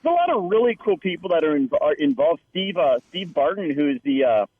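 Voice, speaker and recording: Actor guy telling stories on a tinny dry phone-like line, kinda high voice. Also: a little fast. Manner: animated storyteller, quotes others. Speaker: actor and guest. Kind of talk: casual interview chat.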